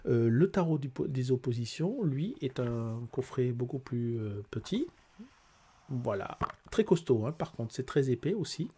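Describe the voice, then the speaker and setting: A man's voice: medium pitch, lively intonation, unhurried, mellow, husky. A man presenting and comparing two tarot decks in a casual, hesitant way, with frequent fillers and restarts as he explains. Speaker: tarot reader and life coach. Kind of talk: casual product review.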